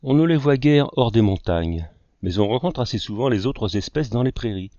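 A man's voice: mid-range voice, normal speed, no room sound, highs cut off, lightly acted. A man reading as a teasing older uncle. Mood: dry. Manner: deadpan teasing.

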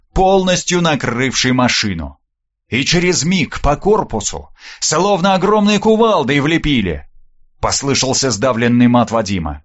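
A man narrating an action audiobook in the first person, reading in an animated, expressive way, on a dull, slightly muffled recording. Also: medium pitch.

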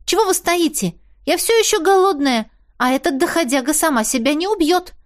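A woman voicing a fiery, sharp-tongued young woman with an indignant, sarcastic manner, in an audiobook. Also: sits high, a little slow, voice pushed up. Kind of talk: audiobook character voice.

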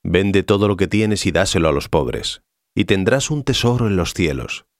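A man voicing Jesus as a calm, solemn teacher, measured in delivery, in an audiobook reading. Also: deep voice, dry recording, studio quality.

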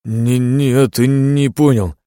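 A man voicing a broken, feverish young man who is hoarse, trembling and stammering, in an audiobook. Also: fairly low pitch, a little slow, a little mellow, dry recording, studio quality. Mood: shaking. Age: young adult.

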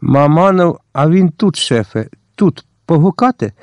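A man voicing a drunk, crude male thug henchman who talks loud and gleeful, in a dry audiobook recording. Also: a little high, lively intonation, measured pace, no room sound, pitched above the performer's own voice. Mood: eager.

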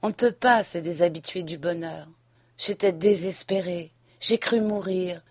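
A woman reading an audiobook and voicing a passionate young wife who pleads and then reproaches, a little higher and louder than her narration. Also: unhurried, husky, no room sound. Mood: pleading. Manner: impassioned, rising to reproach. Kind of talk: audiobook reading of a classic novel.

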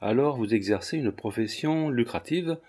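A man reading a jaded young gentleman who speaks with ironic, exaggerated politeness. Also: mid-range voice, expressive, moderate pace, husky. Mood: mock-gallant.

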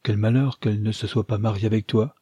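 A man voicing a shrewd, commanding old grandmother in a storybook reading, teasing and sly, with a husky voice. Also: on the low side, fairly even intonation, fast, mellow, no room sound, studio quality. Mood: scheming, teasing.

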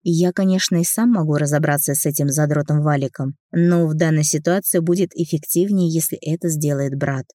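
Low, dark-voiced woman narrating an audiobook. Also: fairly quick, hardly any pauses, dry recording, studio quality. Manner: reads a man's first-person story, voicing the characters lightly. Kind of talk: first-person audiobook narration with dialogue.

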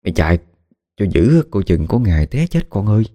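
A man's voice: lowish voice, big pitch swings, fairly quick, dark tone. Man voicing a pleading old mother. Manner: tearful, pleading. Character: worried old mother pleading with her son.

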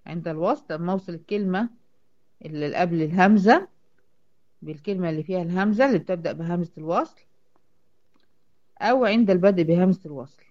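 A woman with an Egyptian accent teaching Quran recitation, explaining step by step, asking questions and answering them herself, slowing right down to sound out words. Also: on the low side, a little mellow. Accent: Egyptian Arabic. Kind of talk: online tajweed lesson. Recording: dull lo-fi audio.

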